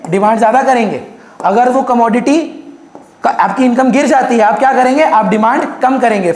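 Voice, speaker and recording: A man giving a fast exam revision lecture on economics, emphatic and repeating key terms, switching English terms into his speech. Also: very high-pitched. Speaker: economics teacher. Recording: echoey room.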